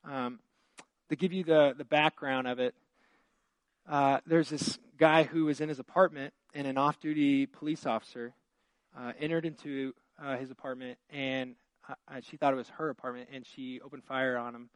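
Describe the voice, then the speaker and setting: A man's voice: medium pitch, fairly even intonation, moderate pace, clear, resonant tone, dry recording. A man, a pastor preaching a conversational sermon, full of fillers and restarts, building to fervent emphasis. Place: church.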